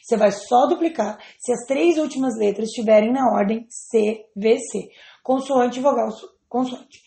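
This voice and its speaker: A woman's voice: a little high, moderate pace, gravelly, dark tone. A woman teaching English grammar to students, patiently spelling out letters and checking they follow. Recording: roomy echo.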